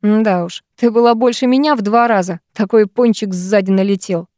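A woman reading an audiobook, voicing a lanky teenage boy with a calm, mocking manner. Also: mid-range voice, moderate pace, no echo, studio quality, lightly acted. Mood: teasing.

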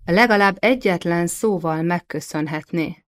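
A woman's voice: on the low side, lightly acted. A woman voicing an angry medieval king. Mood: pleased. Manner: irritable, defensive, commanding. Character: angry guilty young medieval French king.

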